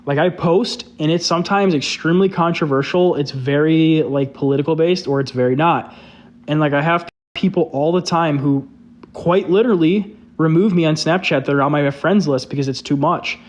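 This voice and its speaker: Here a young man hosts a live stream, chatting in a relaxed, candid manner and saying "like" again and again. His pitch is fairly high and his pace moderate.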